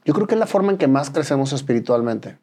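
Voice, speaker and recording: A man, hosting a casual interview and asking relaxed follow-up questions. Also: medium pitch, fast, breathy edge. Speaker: host.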